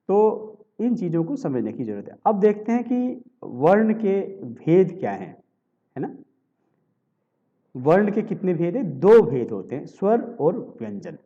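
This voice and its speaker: A man with a somewhat high, dark-toned voice teaches a Hindi grammar lesson for exam preparation, explaining step by step. He often pauses to check in with his students, repeatedly using tag questions. The recording sounds lo-fi.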